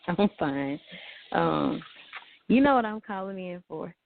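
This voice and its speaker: A woman's voice: fairly low pitch, lively intonation, takes it slowly, gravelly, no room sound. A woman calling in to a radio show by phone, answering politely in short replies. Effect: phone-line caller to a radio show. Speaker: caller. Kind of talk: casual call-in chat. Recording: tinny phone line, dry.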